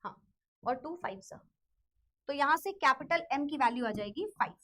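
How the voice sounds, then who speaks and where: A high-pitched woman teaches chemistry in an online class. She talks in a lively way, poses questions and answers them herself, and slows right down to repeat definitions word by word. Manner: lively, repeats key phrases slowly to dictate; asks and answers her own questions in students' voice.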